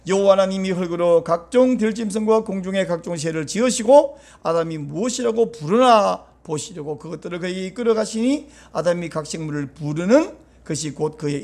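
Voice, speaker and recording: A man with a high voice preaching a sermon as pastor. He explains scripture patiently and then rises to emphatic, urging lines. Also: creaky. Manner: explains Hebrew words and reads scripture aloud, then urges the congregation; switches between calm teaching and raised, emphatic lines.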